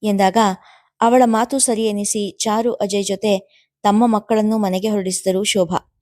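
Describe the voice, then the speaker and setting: A woman narrating a serial story in a steady, unhurried reading voice. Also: medium pitch.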